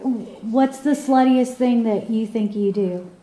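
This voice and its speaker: Mellow woman interviewer, echoey room. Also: on the high side, takes it slowly, slight background noise. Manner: laughing, probing questions with small restarts. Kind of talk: casual interview questions.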